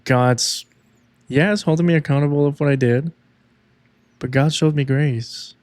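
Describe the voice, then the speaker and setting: A man co-hosting a faith podcast, talking in a halting, reflective way about his own struggles. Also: on the high side, a little mellow, no echo. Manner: slow, reflective, halting, with frequent "yeah" backchannels. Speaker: podcast co-host. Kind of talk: casual faith talk.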